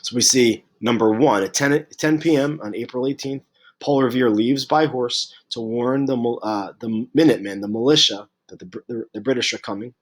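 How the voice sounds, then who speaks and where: A man teaching a history lesson, unwell and clearing his throat, halting with many fillers and restarts. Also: medium pitch.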